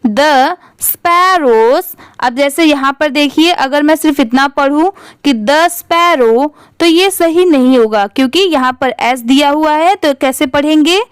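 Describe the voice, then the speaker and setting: A woman's voice: high-pitched, normal speed, no room sound, studio quality. A woman English teacher with an Indian accent, spelling words letter by letter and reading them out patiently. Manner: patient, repeats each word twice.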